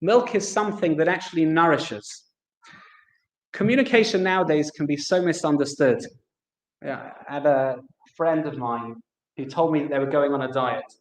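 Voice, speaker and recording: A man's voice: a little high, fairly quick, reverberant, low-quality recording. A man giving a reflective talk at a memorial gathering in a synagogue. He tells anecdotes, acts out the dialogue and weaves in Hebrew terms. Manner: storyteller acting out dialogue, weaving in Hebrew terms. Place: synagogue hall.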